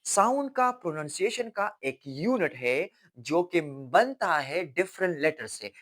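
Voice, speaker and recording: Young guy teaching grammar, slightly high voice, goes over every word twice. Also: animated, a bit bright. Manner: explains slowly, mixes English terms into Hindi, repeats key words. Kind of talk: classroom lesson.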